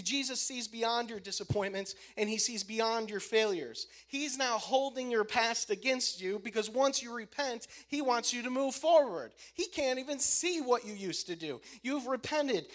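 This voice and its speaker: Man, preacher, sermon, high voice, emphatic, repeats key lines. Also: a little slow, few pauses. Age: adult. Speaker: preacher, youth minister.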